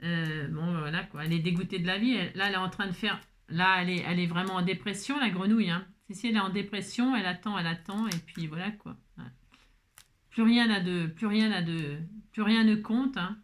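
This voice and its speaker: A woman with a somewhat low voice, speaking a little quickly, vlogs as she makes a card. She chats casually, mutters to herself while working, and often laughs at her own slip-ups.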